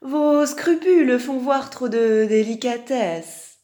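A sly fox courtier flatters in a high, honeyed voice, as a woman reading a storybook fable plays him. He stretches his words slowly and fawns over every phrase. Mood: flattering. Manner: high, fawning, drawn-out flattery.

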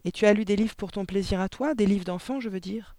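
A man doing soft-hearted young teacher lady for an audiobook, high and eager, very dry sound. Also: brisk, dry recording. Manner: warm, encouraging, easily delighted. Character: kind gentle young woman schoolteacher. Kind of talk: audiobook character voice.

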